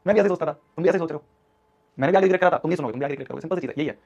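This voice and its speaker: A man's voice: fairly high pitch, rapid-fire, a little mellow. A young man in his twenties, an online teacher giving a motivational class talk in an urgent, scolding, repetitive way. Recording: dull lo-fi stream audio.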